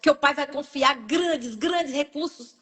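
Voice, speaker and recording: A woman's voice: high voice, a little slow, pushed and bright. A woman preacher from Brazil with a Brazilian Portuguese accent, giving an emotional, emphatic sermon with personal testimony. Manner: emotional, emphatic, rising and falling sharply.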